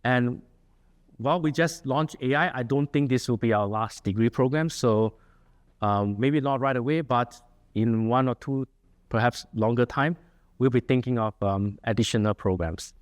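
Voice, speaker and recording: Speaking at normal speed and medium pitch, a Singaporean associate dean in middle age delivers an earnest lecture-room talk and answers questions. His accent is Singaporean, and he frequently restarts and uses fillers.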